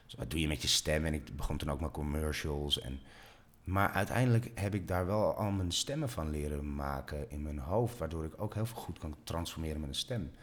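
A middle-aged man, an actor and voice actor, chatting in an animated way and sometimes slipping into voices. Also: normal speed. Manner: animated, swings pitch, slips into voices. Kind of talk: casual interview talk.

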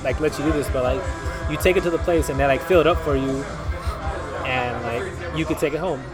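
Young man, slightly high pitch, casual slangy chat, repeats himself, clear music in the background. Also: a little fast, over a noisy crowd.

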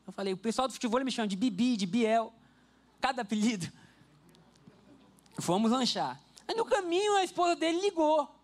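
High-voiced man preaching a story-driven sermon. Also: moderate pace, long pauses. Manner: lively storyteller, speaks directly to the congregation. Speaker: pastor. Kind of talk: conversational sermon with personal stories. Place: church service before a congregation.

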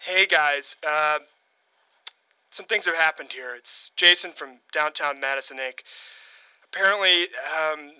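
A man's voice: a little high, unhurried, long pauses, pushed and bright, clean tone, no room sound, low-quality recording. A man voicing an overeager, pushy local booster who leaves rambling, pleading voicemail messages in a comedy sketch. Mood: flustered. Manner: rambling, pleading, awkwardly persistent. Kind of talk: leaving a string of voicemail messages.

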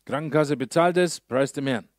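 A male pastor preaching a sermon, telling a story in a lively way with slow, emphatic pauses. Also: a little high, no echo, clean studio sound.

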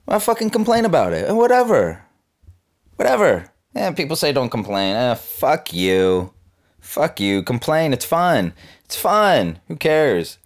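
A man's voice: fairly high pitch, big pitch swings, unhurried. A man in his twenties from Southern California, rambling casually to the camera in a laid-back, slangy, cynical way, full of fillers. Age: 20s. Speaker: vlogger.

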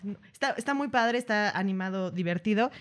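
A woman with a Mexican accent co-hosts a relaxed podcast chat. She talks in a slangy, rambling way, often restarting her phrases, at an ordinary middle pitch. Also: brisk. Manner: chatty, slangy, with frequent restarts. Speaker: podcast co-host.

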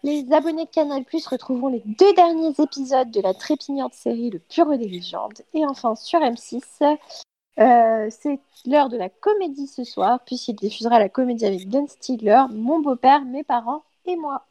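A woman columnist on a live radio show presenting the evening's TV listings in a relaxed, hesitant way with filler sounds. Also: high voice, normal speed, dry recording. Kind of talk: casual live radio segment. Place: radio studio.

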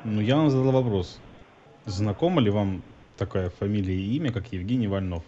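A man's voice: fairly low pitch, brisk, warm tone. A man on a phone call, complaining in an insistent, argumentative way. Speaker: prank-style caller complaining to call centres. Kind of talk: phone conversation. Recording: slightly dull, lo-fi call recording.

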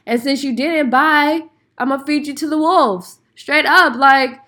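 Indignant woman podcaster, slightly high voice. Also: unhurried, bright, forceful tone. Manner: indignant, emphatic, slangy and conversational. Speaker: podcast host. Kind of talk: casual solo podcast talk.

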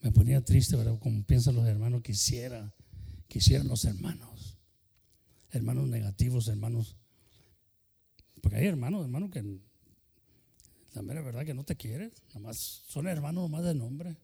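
Older male pastor, impassioned bilingual sermon, gravelly edge, long church reverb. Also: medium pitch, moderate pace, long pauses, dark tone. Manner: impassioned, switching between Spanish and English.

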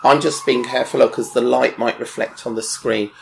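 A man's voice: mid-range voice, steady tone, moderate pace, gravelly, a little hiss or hum. A man chatting enthusiastically as a presenter, rambling with fillers as he recommends people. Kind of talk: casual chat recommending online creators.

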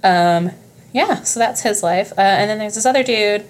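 A woman's voice: medium pitch, moderate pace. A young woman guest on a casual podcast, telling history stories in a rambling, profane way with many fillers and asides. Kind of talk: casual storytelling chat.

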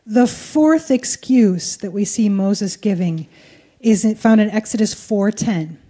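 A woman's voice: mid-range voice, takes it slowly, warm tone. A woman preaching a sermon in short phrases, in a conversational, colloquial way. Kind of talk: sermon delivered in short phrases for live interpretation.

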